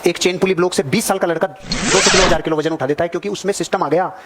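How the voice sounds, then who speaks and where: Male motivational seminar speaker, high voice, rapid emphatic delivery, works the crowd. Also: heavy background noise. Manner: emphatic, repetitive, addresses audience directly. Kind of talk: seminar speech to a live audience.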